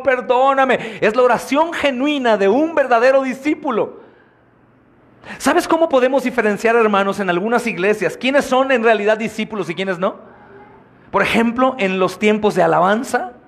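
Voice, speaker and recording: A male pastor with a Mexican Spanish accent preaching an expository sermon, speaking to the congregation with passion and acting out prayers with sudden swells of emotion. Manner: impassioned preaching, often addressing the congregation as brothers; acts out prayers with sudden rises in pitch and volume.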